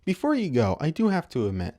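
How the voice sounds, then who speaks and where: A man's voice: on the high side, wildly swooping pitch, quick pace, dark tone. A man hosting a car teardown channel, narrating a technical explainer with dry, self-mocking humor.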